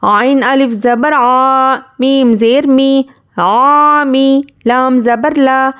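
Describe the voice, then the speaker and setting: Recitation teacher, female, high clear smooth voice, very slow drawn-out syllable drills, slightly muffled recording. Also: steady tone, a bit bright. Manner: spells out letters and vowel marks, then blends them slowly; explains quickly in a conversational teaching tone.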